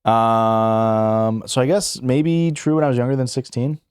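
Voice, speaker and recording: A young man on a live stream reads questions aloud and rambles casually through the answers, with fillers, restarts, self-corrections and chuckles. His delivery is flat and a little slow, his medium-pitched voice darkish, clear and resonant, captured cleanly in a studio with no room sound.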